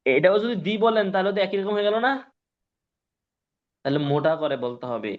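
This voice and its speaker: A man's voice: sits high, lively intonation, moderate pace. Encouraging male Quran teacher, dull recording. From Bangladesh. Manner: drills syllables, keeps asking if students follow. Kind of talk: classroom lesson. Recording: dull lo-fi sound.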